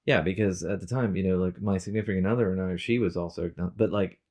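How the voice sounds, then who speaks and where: Deep-voiced man telling stories animatedly. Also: quick pace. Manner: animated storyteller, swears freely, acts out quotes. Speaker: podcast co-host. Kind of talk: casual podcast conversation.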